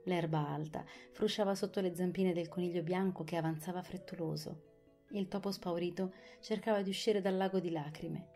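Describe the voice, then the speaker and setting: Female audiobook narrator, low-pitched, clear and expressive, faint music bed. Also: normal speed.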